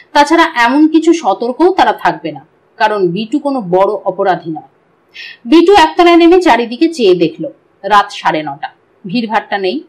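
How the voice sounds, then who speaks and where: High-voiced woman reading a story. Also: rough recording. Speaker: audiobook narrator. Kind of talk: storytelling narration.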